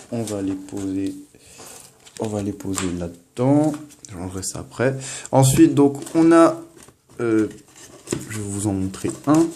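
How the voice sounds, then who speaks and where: A man's voice: lowish voice, darkish tone, a little hiss or hum. A young man, casually narrating an unboxing at home, hesitant and full of fillers and restarts. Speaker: unboxing vlogger.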